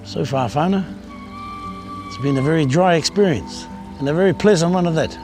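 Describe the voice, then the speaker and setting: Highish-voiced Kiwi bloke hosting. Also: male voice, animated, fairly quick, over music. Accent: New Zealand. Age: middle-aged. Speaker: hunting show host. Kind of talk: casual chat. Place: outdoors in open country and by a river.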